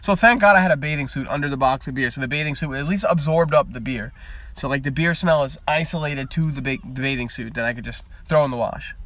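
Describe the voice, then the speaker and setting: A man's voice: mid-range voice, fast, fairly bright tone. A young man streaming live from his parked car at the beach, chatting casually and wandering from topic to topic, picked up by a phone mic. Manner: rambling, chatty, easily sidetracked.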